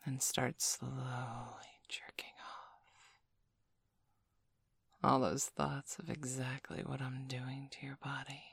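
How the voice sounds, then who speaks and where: A woman in an intimate, seductive whispered role-play, breathing slowly and very close, as if right in the listener's ear. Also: rumbling low, flat delivery, a bit bright, no room sound. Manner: slow, seductive, breathy delivery. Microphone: very close, dry microphone.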